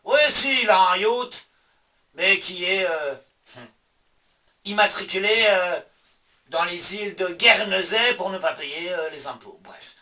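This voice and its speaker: A man's voice: high voice, takes it slowly, pauses often, sharp tone. Belgian-accented male vlogger, mocking casual rant, distant from the mic. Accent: Belgian French. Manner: sarcastic, swears, talks back to himself in asides. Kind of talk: casual ranting monologue.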